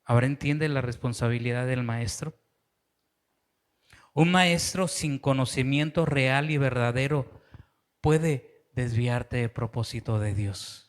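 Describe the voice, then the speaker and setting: A man's voice: mid-range voice, takes it slowly. A man with a Mexican accent, a pastor preaching a sermon and telling a story with acted-out voices. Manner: earnest preaching, acts out quoted voices in the story.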